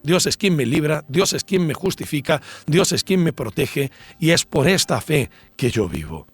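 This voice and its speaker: A man's voice: a little high, expressive, normal speed, husky, dry recording. A man preaching a devotional sermon, driving his points home with emphatic repeated lists. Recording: dry voice over soft background music.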